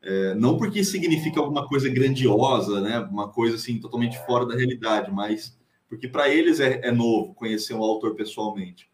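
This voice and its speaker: Brazilian teacher guy, mid-pitched voice, lots of hesitations, echoey room. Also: brisk. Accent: Brazilian Portuguese. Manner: hesitant, many fillers and restarts. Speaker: writer and teacher, interview guest. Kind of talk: casual interview answer.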